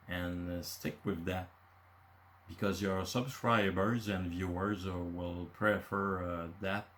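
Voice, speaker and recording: Hosting his own channel, a native French-speaking man in his fifties from Quebec City, Canada, speaks casually from bullet points with a Quebecois accent and frequent uhs. His low-pitched voice is a bit bright, with slight background noise.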